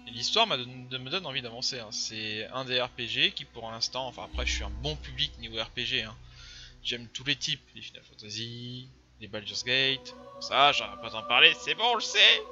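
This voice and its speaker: A man's voice: medium pitch, normal speed, sharp tone. A man giving casual, rambling let's play commentary. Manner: chatty, rambling, filler-heavy. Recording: dull lo-fi voice over game music.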